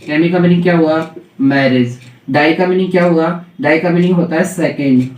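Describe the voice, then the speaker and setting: A high-voiced Indian man teaches an English vocabulary lesson in a classroom, speaking Hindi-accented English at a moderate pace with a darkish tone. He repeats his questions and has the students echo the answers. The recording is echoey, with the mic at a distance.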